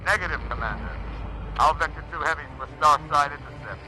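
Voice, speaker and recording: An actor playing a stern, decisive military fleet commander in a video game, giving clipped and authoritative orders. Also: male voice, a little high, fairly quick, background noise, close to an everyday voice. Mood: urgent. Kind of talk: video game cutscene acting. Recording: music behind the voice.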